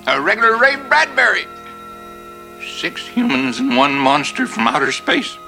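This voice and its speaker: A man's voice: high voice, big pitch swings, normal speed, bright, forceful tone, soft background music, exaggerated voice. A man playing an agitated, accusing old man in a vintage television drama.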